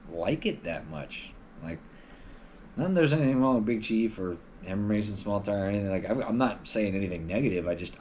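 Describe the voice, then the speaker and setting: A man's voice: sits low, a little mellow, a little hiss or hum. A man hosting a casual live stream from home, answering viewer questions in a loose, rambling way with lots of filler words.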